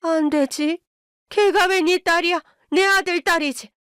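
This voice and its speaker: A woman voicing an elderly, domineering mother-in-law who scolds in shrill outbursts. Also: fairly even intonation, measured pace, a bit bright, dry recording, studio quality. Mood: furious.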